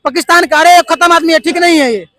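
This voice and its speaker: A man's voice: very high voice, fast talker, bright, forceful tone. A man being interviewed, arguing politics insistently and hammering his points with rhetorical questions. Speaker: party supporter being interviewed. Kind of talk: heated political argument.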